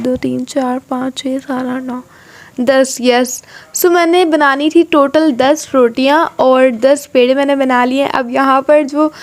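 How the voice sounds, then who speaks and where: A young woman from Pakistan chatting casually through a cooking vlog in her home kitchen, rambling with filler phrases and giggles. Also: high voice. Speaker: vlogger. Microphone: camera or phone, sometimes hand-held.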